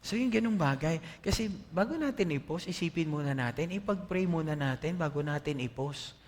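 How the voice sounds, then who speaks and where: A Filipino-accented male pastor preaches in an animated, conversational way, often putting questions to his listeners. His voice sits a bit high for a man. It rings with the long reverb of a church hall. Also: brisk. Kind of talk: sermon.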